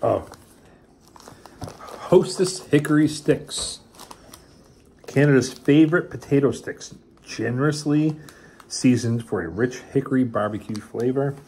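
A man's voice: medium pitch, measured pace, pauses often, warm tone, a little hiss or hum. A father casually reviewing snacks with his child, reading the package blurbs aloud and teasing playfully.

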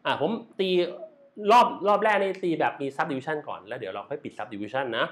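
A man's voice: medium pitch, very animated, moderate pace, slight background noise. A man teaching a live online drum lesson, counting beats aloud and speaking with frequent polite particles.

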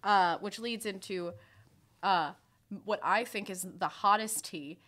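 Female co-host, twenties, crisp bright tone, casual chatty recap style with emphatic slang, close-miked. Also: medium pitch, slow pace. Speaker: podcast co-host. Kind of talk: casual chat, TV show recap. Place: small indoor podcast set with bookshelves. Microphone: desk microphone on a stand, close.

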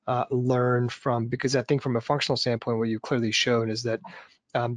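A man moderates a professional webinar from a video call, asking long, hesitant questions full of fillers and restarts. His voice sits at a middle pitch and sounds dry and close, with little room echo. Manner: halting, many fillers and restarts. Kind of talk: conversational Q&A.

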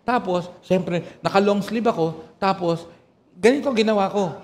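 A man preaching a sermon to his church in a lively, humorous storytelling way, with loud bursts and quiet asides. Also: high-pitched, moderate pace, a little hiss or hum. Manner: animated, swings between loud exclamations and soft asides; humorous storytelling, often breaks into short praise phrases. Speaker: pastor. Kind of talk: Taglish sermon with anecdotes.

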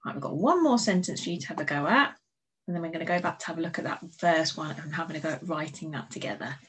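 An English woman, a primary school teacher, slowly sounding out letters and words in a recorded phonics lesson, giving patient, encouraging instructions to young children. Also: sits low, expressive, fairly bright tone, husky, rough recording. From England.

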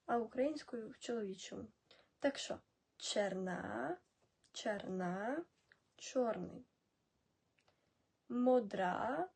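A young woman running a casual language lesson, explaining words slowly and dropping into soft asides. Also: on the high side, slightly rough. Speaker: channel admin teaching Czech.

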